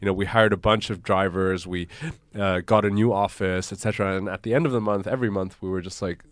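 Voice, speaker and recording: Startup founder guest from Hong Kong, relaxed and chatty, low voice, dry close mic. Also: male voice, fast, no room sound. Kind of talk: casual interview. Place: live podcast stage.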